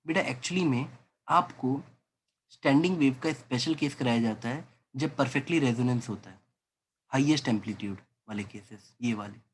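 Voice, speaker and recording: Husky Hindi-speaking physics teacher. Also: male voice, mid-range voice, normal speed. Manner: coaxing, voices student doubts, calls listener beta. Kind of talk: classroom lecture.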